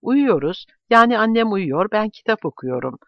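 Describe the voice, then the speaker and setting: A man's voice: high-pitched, sing-song, normal speed, dry recording, lo-fi sound, voice pushed up. A man voicing a shy, earnest young woman in an audiobook.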